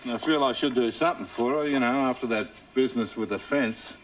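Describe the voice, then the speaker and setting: An actor playing a hapless, easygoing drover with an Australian accent and a laconic, drawling way of talking. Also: male voice, mid-range voice, fast, natural voice. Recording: distant TV mic with faint noise.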